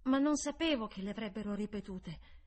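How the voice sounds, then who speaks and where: A woman voicing a frightened, feverish young boy in an audiobook, breathy and crying out in fear. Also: mid-range voice, expressive, brisk, darkish tone, close to an everyday voice. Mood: quiet, simple.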